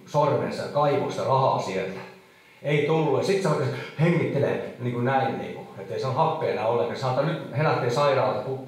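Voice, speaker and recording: A middle-aged man tells his testimony to a congregation, halting and emotional, full of small fillers and restarts. His voice sits at an ordinary pitch. It rings through a big echoey hall and sounds set well back from the microphone. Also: distant mic. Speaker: preacher giving testimony. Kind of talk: testimony sermon.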